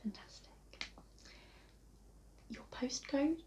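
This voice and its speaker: Playing a receptionist for an ASMR video, an English-accented woman speaks in a soft, breathy near-whisper. She is polite and reassuring, never rushing. The audio is muffled and lo-fi, carrying a noticeable hiss.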